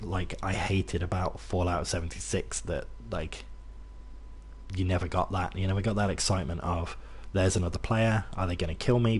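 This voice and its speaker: A young man streams a game and chats casually to viewers, rambling with fillers and restarts. He's from near Birmingham in England but speaks with a loosely mixed British accent, not a Brummie one, in a low, slightly mellow voice with a breathy edge.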